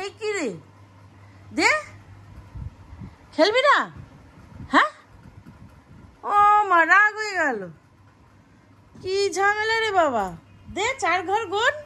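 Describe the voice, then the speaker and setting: A woman's voice: very high voice, pushed and bright. A woman chatting casually while playing a board game at home, coaxing and exasperated. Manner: coaxing and exasperated, with frequent sighs. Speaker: family vlogger.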